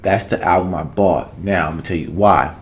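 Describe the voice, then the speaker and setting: A man in his thirties from Arkansas, United States, hosts a reaction video with a Southern US accent, offering casual, emphatic commentary and repeating phrases for weight. His deep voice holds a steady tone at a slightly fast clip. He records in a small home room with a cloth-draped backdrop, using a desk condenser microphone while wearing headphones.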